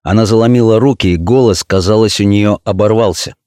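A man narrating a novel as an audiobook reader, measured and low-key. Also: a little mellow, dry recording, clean studio sound. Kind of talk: scripted narration.

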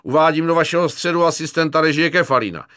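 A man's voice: on the high side, sharp tone, clean tone, dry recording, studio quality, pitched above the performer's own voice. A man voicing a cynical, joking young army medic corporal in an audiobook, slangy and chummy with a mocking edge. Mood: pompous. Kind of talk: audiobook character voice.

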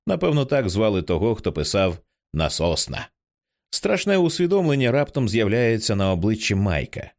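A man narrating an audiobook in an expressive reading style, changing his voice for the characters. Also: lowish voice, fairly quick, hardly any pauses. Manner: expressive, acts out many characters. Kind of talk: scripted narration.

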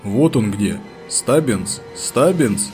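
A man voicing a gruff old ship captain who shouts his orders up the rigging in a read-aloud story. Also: mid-range voice, normal speed, soft background music, lightly acted. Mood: shouting.

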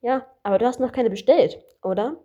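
Know-it-all male kangaroo, smug, lecturing, mellow tone, storybook audiobook, read by a woman. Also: fairly high pitch, lo-fi sound, close to an everyday voice. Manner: smug, lecturing, quick-witted. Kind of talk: amateur audiobook reading.

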